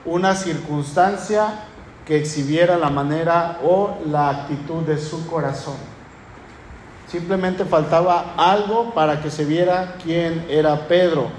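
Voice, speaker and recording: A man's voice: on the high side, unhurried, reverberant, a little hiss or hum. A man with a northern Mexican accent, preaching a sermon as pastor, speaking emphatically with rhetorical questions and lists. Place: church.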